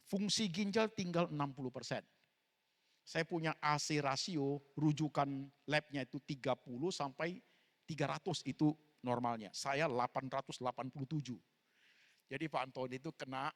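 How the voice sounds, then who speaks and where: A male pastor with an Indonesian accent giving a sermon, telling a story with sudden loud, high bursts and English words mixed in. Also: in a large hall. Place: church auditorium.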